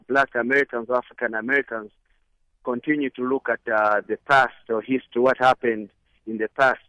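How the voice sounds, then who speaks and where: A man from Zambia, calling in to a radio show. He speaks earnestly and with a measured pace, with hesitant fillers. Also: a little high, no room sound. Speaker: caller. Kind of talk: call-in phone conversation. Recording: dull lo-fi phone line.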